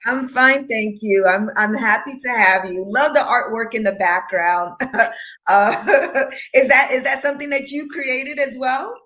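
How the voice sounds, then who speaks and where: A woman's voice: on the high side, unhurried, pushed and bright. A woman hosting an online conference stream, introducing a guest with many hesitant fillers. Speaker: event host.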